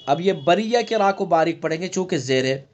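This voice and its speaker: A man's voice: fairly high pitch, lively intonation. Man patiently teaching Quran recitation. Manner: explains rules slowly, drawing out recited words, checking "theek hai?". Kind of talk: tajweed lesson with recited examples. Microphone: online class recording.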